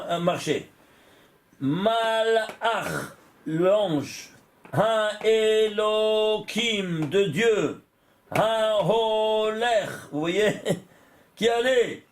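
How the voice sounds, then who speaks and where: High-voiced, slow rabbi teaching a class. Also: male voice. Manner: talks directly to listeners, checking they follow; chuckles often while explaining. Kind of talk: Torah lesson to students.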